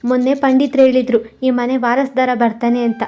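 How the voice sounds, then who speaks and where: A woman's voice: high voice, little pitch movement, normal speed, mellow, close to an everyday voice. A woman voicing a caring, childless wife in a cartoon, asking worried questions.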